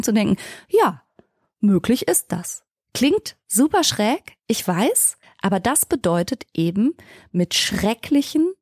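A woman therapist hosting a podcast, explaining with an animated delivery and acting out inner voices. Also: no room sound, clean studio sound. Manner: animated, acts out inner voices with shifting pitch.

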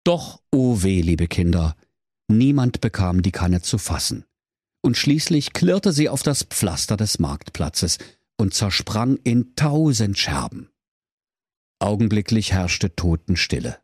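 A man's voice: on the low side, very animated, slow pace, a little mellow, slightly rough, no room sound. A man narrating a comedic fairy tale in a mock-solemn storybook manner, on a close studio mic.

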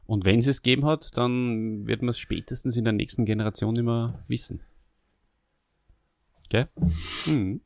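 A man's voice: medium pitch, steady tone, moderate pace, gravelly, long pauses, no room sound, studio quality. A man with an Austrian German accent hosting a podcast, chatting in an easygoing, rambling way with lots of fillers. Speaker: podcast host. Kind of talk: casual chat.

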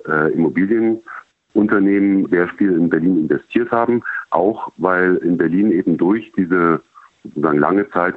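A very low-pitched man comes through a thin, crackly low-quality phone line that sounds dry and close. He explains his points in a measured way, with lots of pauses and hesitation sounds, like a reporter answering questions by phone. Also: dry recording. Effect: low-quality telephone line. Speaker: journalist colleague reporting by phone. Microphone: telephone.

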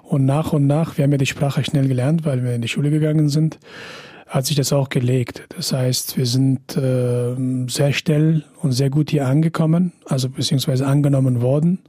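Man in his thirties, from Afghanistan, husky tone, dry close sound, hesitant and reflective. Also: medium pitch, fairly even intonation, moderate pace, mellow, no echo. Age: 30s. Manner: hesitant, reflective, many fillers. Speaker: podcast guest. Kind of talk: interview.

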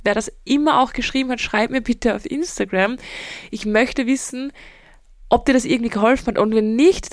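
A woman's voice: a little high, dry recording, clean studio sound. A woman hosts a solo podcast, answering listener questions in a direct, emphatic, motivational way. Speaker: podcast host and mental coach.

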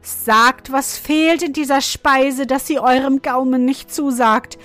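A small, frightened dwarf cook pleads in a high, trembling voice, as a woman reading the tale plays him. Soft music lies faintly underneath. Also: fairly even intonation, slow. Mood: pleading. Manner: begging, trembling.

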